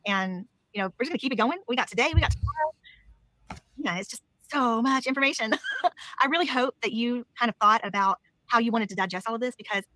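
A woman's voice: fairly high pitch, fairly quick, sharp tone, no room sound, poor audio. A woman hosting an online event, introducing it enthusiastically and a little rambling, in a recording that is played sped up. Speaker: event host.

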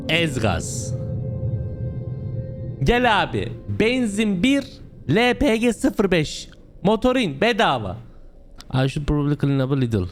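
A young man with a slightly hoarse voice from a sore throat, chatting his way through a horror game as host, joking and breaking into loud exclamations. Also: mid-range voice. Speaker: gaming channel host. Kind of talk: let's play commentary.

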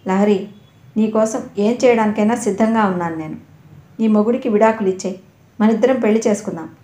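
A woman's voice: medium pitch, brisk, dark tone, natural voice. A woman voicing a pushy, predatory young man who pleads and sneers, in an audio novel. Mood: wheedling. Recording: echoey room.

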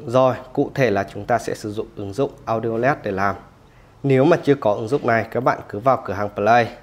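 A man's voice: fairly low pitch, fairly quick, soft background music. Casual man walking through app steps. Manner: casual, instructive, often says "rồi" between steps. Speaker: tech tutorial host. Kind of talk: step-by-step phone app tutorial.

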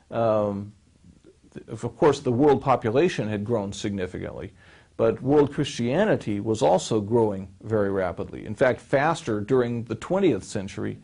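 A man in his forties explains history in a measured, lecture-like interview answer, with frequent fillers and restarts, seated in a small studio with a close mic. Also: on the low side, gravelly, warm tone. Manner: gestures with his hands while speaking. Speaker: seminary professor answering questions. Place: small studio set with a wood-panel backdrop, seated.

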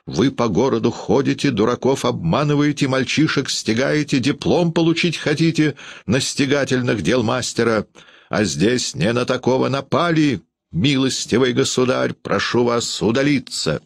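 A man voicing a volatile middle-aged father who shouts and rants in an audiobook reading. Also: medium pitch, moderate pace, vocal fry, no echo, clean studio sound, voice pushed up. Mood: ranting. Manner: shouting, indignant, blustering.

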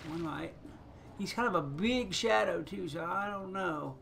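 A man's voice: high voice, unhurried, vocal fry, fairly bright tone, slight background noise. A man giving casual, chatty commentary on his own gameplay, thinking aloud and chuckling often as he plays. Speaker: gaming channel host.

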